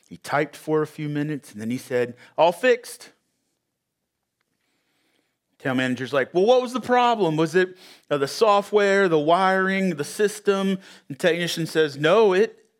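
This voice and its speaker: A man preaching in a slightly higher-than-average voice. He opens with an anecdote, then builds to emphatic points, speaking conversationally to his congregation with the odd "uh". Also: fairly bright tone. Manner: storytelling, emphatic, conversational with fillers. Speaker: pastor. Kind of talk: sermon. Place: church sanctuary with audience.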